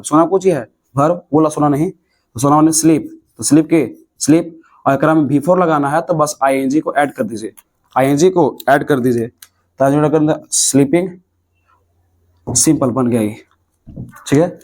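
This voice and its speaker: A man's voice: a little high, a little mellow. A young man with a Bihari Hindi accent teaching a classroom grammar lesson, explaining step by step and answering his own questions.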